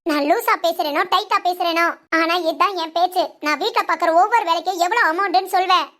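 A woman's voice: extremely high pitch, fast, a bit bright. A woman voicing a stubborn young wife in a family cartoon, talking back firmly and defiantly. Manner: defiant, firm, talks back. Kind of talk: animated family cartoon dub.

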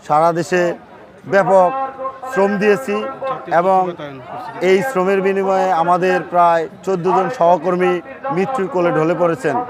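Flat-voiced male protest spokesman. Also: high-pitched. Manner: measured, formal delivery in short phrases. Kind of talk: formal protest statement. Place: outdoors at a street protest. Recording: outdoor recording with crowd noise. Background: crowd noise.

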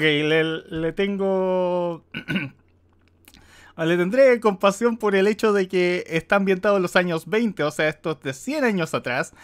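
A man's voice: high-pitched, clear, resonant tone. A man streaming casual live commentary as he reacts to a film.

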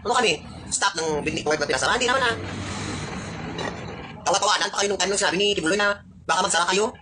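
A woman's voice: medium pitch, racing. A woman ranting angrily at celebrities, sarcastic and scolding. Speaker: netizen ranting on video. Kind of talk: angry rant. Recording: noisy background.

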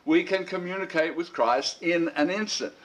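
A middle-aged man teaching an informal Bible school lesson, his voice a bit higher than most men's. He rambles in a conversational way, repeating words as he restarts his sentences. He clears his throat now and then between thoughts. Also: normal speed, a bit bright.

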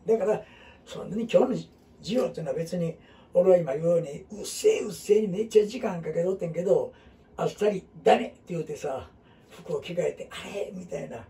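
A middle-aged man with a Kansai accent teaches in a loose, rambling way, dotting his talk with fillers and asides. His voice is high for a man, gravelly and mellow, and it swings a lot in pitch. He sounds a little distant from the microphone. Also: a little hiss or hum. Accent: Kansai Japanese. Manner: rambling, talks in dialect with many fillers and asides. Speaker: teacher of a group. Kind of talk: casual classroom talk.

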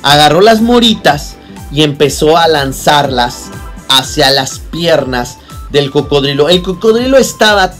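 A woman telling a story to schoolchildren, animated and speaking directly to the listener. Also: deep voice, unhurried, soft background music. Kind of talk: storytelling to children.

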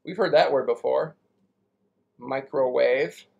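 A young man in the middle of his pitch range teaching a live kids' space lesson at a whiteboard. His delivery is chatty and playful, breaking big words down with homely examples as he writes. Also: slow pace, gravelly, darkish tone, muffled recording. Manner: chatty, playful, explains simply with everyday examples. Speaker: science teacher.

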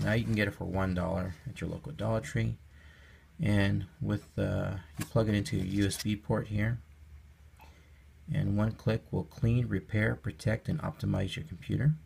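Gravelly low-voiced man reviewing a product. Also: darkish tone. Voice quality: husky, gravelly. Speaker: host of a budget product review channel. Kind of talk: casual product review narration.

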